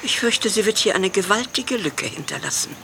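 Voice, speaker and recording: An actress playing a stern but kindly older farm woman in a radio play, speaking in a measured, earnest way. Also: medium pitch, lively intonation, creaky, heavy background noise. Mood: fond.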